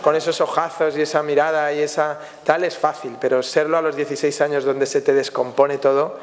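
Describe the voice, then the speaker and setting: A Spanish filmmaker answers reporters in a festival press room, his fairly high voice flat and fairly quick. He muses through anecdotes with lots of tag questions, and the recording has long hall reverb.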